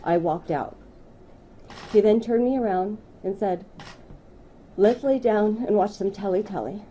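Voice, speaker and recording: A woman in her thirties reading a prepared statement at a news conference, in a measured, deliberate way. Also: medium pitch, warm tone, slight background noise, rough recording.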